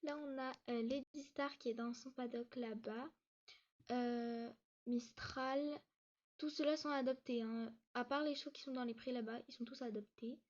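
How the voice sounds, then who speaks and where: A woman with a slightly high voice narrates a casual walkthrough of her game map. She hurries, stumbles on fillers and restarts, and sounds a little short of breath. The recording is dull and muffled, like a cheap mic. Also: steady tone, a little mellow. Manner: hesitant, many fillers and restarts; talks fast, says she struggles to catch her breath. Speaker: YouTuber giving a tour of her game map. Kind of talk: casual gameplay tour narration.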